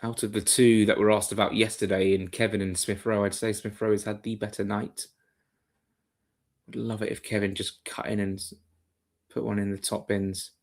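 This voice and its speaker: A man's voice: on the low side, little pitch movement, moderate pace. A man hosting a live football watchalong, giving chatty, rambling play-by-play with asides to his viewers. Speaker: watchalong host. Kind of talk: live match commentary and chat.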